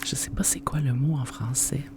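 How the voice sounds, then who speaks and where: Hushed Quebec French library whisper, ASMR host. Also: medium pitch. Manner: informal, unhurried explaining. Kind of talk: whispered ASMR book presentation.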